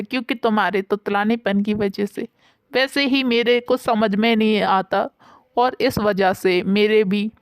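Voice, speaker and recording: A woman's voice: fairly high pitch, clear, resonant tone, no room sound, lightly acted. Lady playing a snooty rude guest brushing someone off, dry sound. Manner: curt, dismissive. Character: rude visiting young woman, dismissive.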